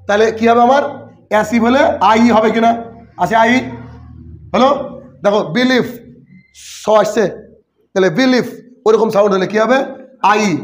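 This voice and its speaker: উঁচু গলার বাংলাদেশি শিক্ষক, প্রশ্ন করে বোঝান. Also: male voice, very high voice. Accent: Bangladeshi Bengali. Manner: repetitive, quizzing students with quick questions. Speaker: English teacher. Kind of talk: classroom spelling lesson.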